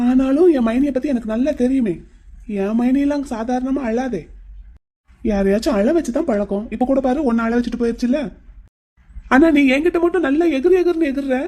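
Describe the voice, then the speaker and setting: A woman voicing a cheeky young man in a cartoon who talks in a brisk, teasing, chatty way. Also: high voice, mellow. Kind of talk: cartoon voice acting.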